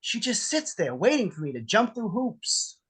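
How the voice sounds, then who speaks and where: A man's voice: high-pitched, big pitch swings, normal speed, fairly bright tone, slightly rough, heavily acted. Man acting a volatile, mocking jealous husband, swooping delivery. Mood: bitterly sarcastic. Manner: theatrical, mocking, profane. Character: menacing, jealous armed husband, sarcastic and volatile. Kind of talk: table read of a film script. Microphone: video call.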